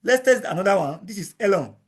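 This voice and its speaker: A man teaching a software tutorial, repeating each step in plain explanatory talk. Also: sits high, expressive, fast talker, husky. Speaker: instructor. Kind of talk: screen-recording software tutorial.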